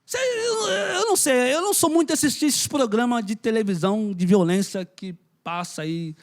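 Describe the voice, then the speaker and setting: Male preacher, animated high voice, casual and humorous. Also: normal speed. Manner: conversational, emphatic, joking with the congregation. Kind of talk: sermon.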